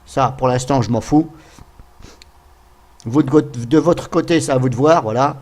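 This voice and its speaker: A tutorial host narrates a casual software walkthrough, thinking aloud and addressing viewers with lots of hesitant fillers. His voice is mid-range and his pace moderate.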